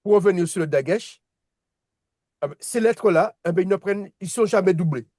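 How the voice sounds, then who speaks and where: A man's voice: sits high, a little fast, dark tone, no echo, clean studio sound. A man teaching a language lesson in a casual way, often restarting and repeating words while checking that his students follow. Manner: patient, checks understanding with "d'accord?". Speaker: Hebrew teacher.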